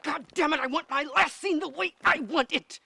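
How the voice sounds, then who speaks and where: An actor playing a volatile film director who stammers and bursts into shouting. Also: male voice, medium pitch, lively intonation, unhurried, breathy edge, dry recording, heavily acted. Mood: furious.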